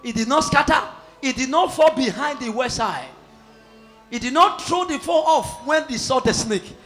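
A man preaching in a very high, bright voice, shouting emphatic lines to a responding congregation. Music runs under his voice. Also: animated, normal speed. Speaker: pastor. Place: church hall with congregation. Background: music and loud congregation.

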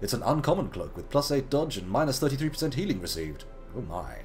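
Talking fast through a live game stream, a thirty-something man with a voice made gravelly by a slight cold keeps up a playful, chatty commentary. His pitch swings lively, and he drifts into wandering, jokey asides. Game music can be faintly heard behind him.

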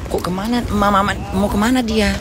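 A middle-aged woman ranting loudly and crudely to her viewers while walking a city street. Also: mid-range voice, fairly even intonation, quick pace, background noise. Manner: brash, loud, foul-mouthed ranting to viewers. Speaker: live streamer. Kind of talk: casual live-stream chat while walking. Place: outdoors on a city street with traffic.

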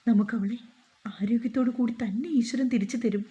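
A woman's voice: fairly high pitch, fairly even intonation, a little fast, mellow, muffled recording, natural voice. A woman voicing a caring young woman who brings bad news and comforts her family. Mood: anxious.

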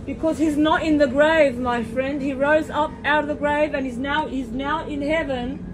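A woman's voice: fairly even intonation, normal speed. A woman preaching fervently to passengers inside a moving train, with repeated hallelujahs and direct appeals, recorded on a phone. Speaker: street preacher. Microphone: phone camera held by the preacher. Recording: phone audio with loud train noise. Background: train rumble.

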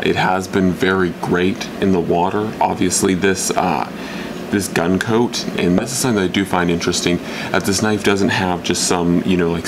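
With a low voice and plenty of background noise, a young man reviews a knife at his workbench indoors. He's an outdoor gear reviewer, and his casual talk wanders, full of fillers and false starts.

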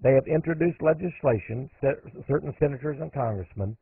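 In an animated, brisk monologue, a male radio host speaks emphatically, his mid-range voice climbing sharply on stressed points and showing vocal fry and a breathy edge. The recording is narrow, phone-like radio audio with no echo.

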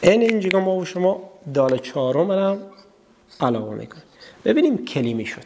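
A man's voice: sits high, very animated, a little mellow, big-room sound, slight background noise. A man with an Afghan Dari accent teaching a televised literacy lesson, asking his students questions and answering them himself, and drawing out vowel sounds in repeated drills. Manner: addresses students directly, asks and answers his own questions.

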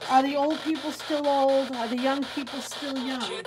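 A woman with a high voice leads a spirit box session over loud radio noise. She asks the spirits questions in a halting way, often pausing and starting a phrase again. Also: steady tone. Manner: halting, with pauses and repeated phrasing. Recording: very noisy, loud background noise.

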